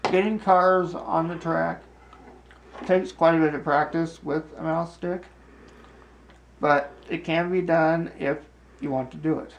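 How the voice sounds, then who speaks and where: A man giving a casual hands-on demonstration in a deliberate, halting way, with broken phrasing. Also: fairly high pitch. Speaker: host demonstrating a hobby. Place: home basement, indoors. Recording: clear background noise, room ambience.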